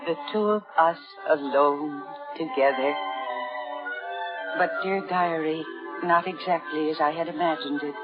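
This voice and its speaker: The timid, lovestruck, naive spinster of sixty returns in a 1950s radio drama, her diary narration breathless, hesitant, and dramatic. This time the actress's low voice is fairly even and a little slow, with an uneasy, foreboding mood. Music plays through the muffled vintage radio broadcast.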